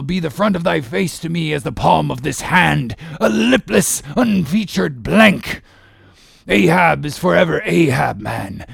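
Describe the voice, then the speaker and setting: A man voicing an obsessed old one-legged whaling captain in a gravelly, raspy voice, declaiming grandly in archaic seafaring speech for an audiobook. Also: on the high side, pitched above the performer's own voice, full character voice. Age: older. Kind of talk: dramatic audiobook character reading.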